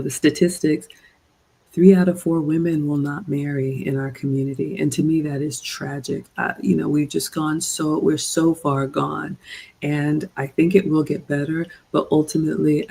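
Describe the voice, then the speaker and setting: A woman's voice: sits low, little pitch movement, normal speed, gravelly, dark tone, husky, rough recording. A middle-aged woman from Ghana, a relationship coach talking straight to her viewers in a livestream, earnest and preachy. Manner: earnest, preachy, addresses "ladies" directly. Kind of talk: livestream commentary with viewer shout-outs.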